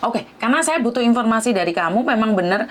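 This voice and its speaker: A woman's voice: a little high, animated, fast talker, a bit bright. A woman hosting a live-stream interview, probing and often asking for confirmation. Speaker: host.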